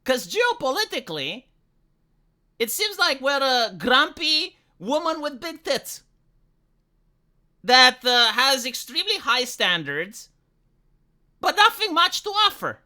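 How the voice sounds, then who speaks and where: Blunt Romanian-accented man with a sharp, bright voice. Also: very high voice, big pitch swings, takes it slowly, pauses often. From Eastern Europe. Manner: blunt, ranting, swears freely. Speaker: political commentator. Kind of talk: opinion commentary vlog.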